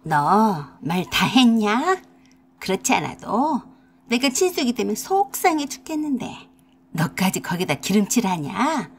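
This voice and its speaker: A domineering old mother-in-law, put on by a woman reader in a radio drama, nagging in a shrill voice that jumps all over. She drops rural dialect words, and her tone stays husky. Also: very animated, a little slow, heavily acted. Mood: scolding. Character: scolding older mother-in-law, domineering and self-pitying.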